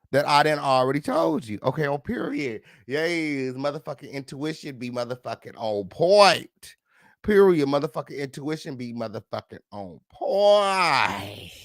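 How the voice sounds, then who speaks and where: A man hosting a celebrity gossip livestream, sassy and flamboyant, full of loud catchphrases, profanity and high, squealing laughs. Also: dry recording, clean studio sound. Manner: frequent high-pitched laughing outbursts. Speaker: gossip show host. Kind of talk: casual livestream commentary.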